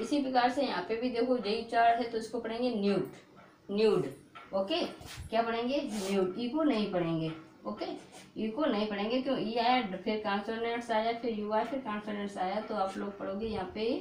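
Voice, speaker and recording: A woman's voice: a little high, darkish tone. A woman teaching at a board, repeating each word and asking the class what they will read. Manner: repetitive, drilling questions like "what will you read?". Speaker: English teacher. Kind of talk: board lesson for a video. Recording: echoey room with faint hiss.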